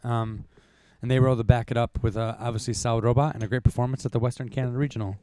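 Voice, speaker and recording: A man's voice: mid-range voice, fairly even intonation, racing, warm tone, clear, resonant tone, no echo. Young man recapping results, dry sound. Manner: reads results from notes, coughs, casual asides. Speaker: co-host. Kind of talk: podcast rankings recap.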